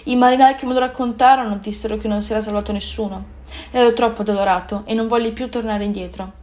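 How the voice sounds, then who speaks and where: A woman's voice: on the high side, fairly even intonation, fast, darkish tone, lightly acted. A woman voicing an older merchant father in a storybook, grave and heartfelt. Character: older male merchant, stern father turned tender.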